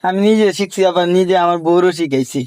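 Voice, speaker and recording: Guy making quick offhand comments, slightly high voice, dry sound. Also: darkish tone, smooth, dry recording. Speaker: friend cooking on camera. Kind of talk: casual chat.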